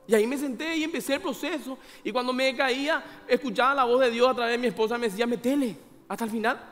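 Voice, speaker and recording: A man's voice: extremely high pitch, a bit bright, big-room sound. A man, a pastor preaching a sermon in a conversational way, asking the congregation questions and acting out little scenes of dialogue. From Paraguay. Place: church hall.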